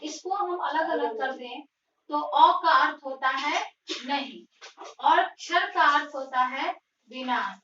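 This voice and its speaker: A woman teacher giving a slow, deliberate grammar lesson, posing questions to her students and then answering them herself. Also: high voice, pushed and bright, distant mic, a little hiss or hum. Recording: roomy, dull lo-fi sound, voice from off the mic.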